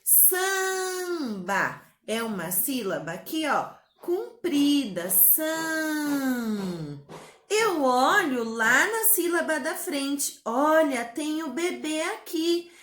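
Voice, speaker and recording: A woman teaching a spelling lesson to young children in a slow, sing-song way, with a Brazilian Portuguese accent. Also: sits high, very animated, a bit bright. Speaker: primary school teacher. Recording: echoey room.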